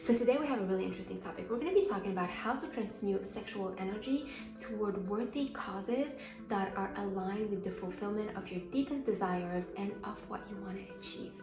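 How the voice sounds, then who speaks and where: A Moroccan woman with a Moroccan accent speaks briskly at medium pitch as a motivational coach. Her self-help talk to her channel's viewers is earnest and emphatic, recorded with roomy echo and faint music underneath.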